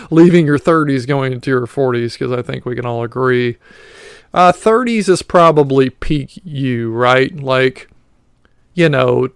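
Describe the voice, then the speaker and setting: A man in his late thirties talks through a casual solo podcast. He rambles and pokes fun at himself, with plenty of fillers along the way. His voice is smooth and resonant, recorded dry and close to the mic. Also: mid-range voice, no echo. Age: 30s. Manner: rambling and self-mocking, with many fillers. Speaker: podcast host.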